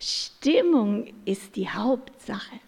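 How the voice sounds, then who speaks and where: A woman voicing an owl who wants dim, cozy light in a spoken animal fable, with a high, hooting delivery. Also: lively intonation, extremely slow, gravelly, a little mellow, slightly rough, heavily acted. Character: cozy owl who hates bright candles.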